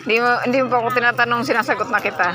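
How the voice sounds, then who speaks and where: A woman's voice: on the high side, fairly even intonation, rapid-fire. A woman vlogging casually while shopping at an outdoor market, chatting and bantering with the vendors. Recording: busy market crowd and traffic noise.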